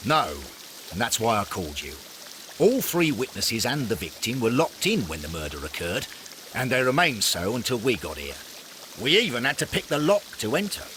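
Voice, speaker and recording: A blustering male police inspector in a Victorian detective game. His English-accented voice is forceful and swoops emphatically, easily flustered, with faint noise behind. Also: medium pitch, wildly swooping pitch, moderate pace. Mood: brisk reporting. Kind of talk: video game cutscene acting.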